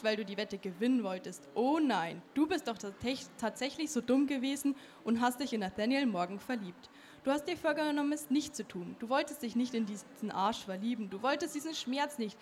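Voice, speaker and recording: Teen girl author reading a first-person story aloud, higher voice, faint noise behind. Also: darkish tone. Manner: earnest reading with some slips. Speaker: young author. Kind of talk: reading aloud from her novel.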